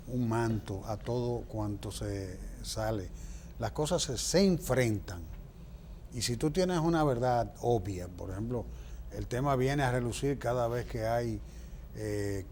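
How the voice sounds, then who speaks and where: A man with a Dominican Spanish accent and a mid-range, darkish voice answers political questions as an interview guest. He is opinionated and explanatory, speaking emphatically and leaning on rhetorical questions, with slight background noise present.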